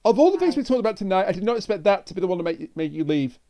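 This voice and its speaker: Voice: mid-range voice, sing-song, rapid-fire, dark tone. A podcast co-host in casual chat, eagerly explaining story details and trivia.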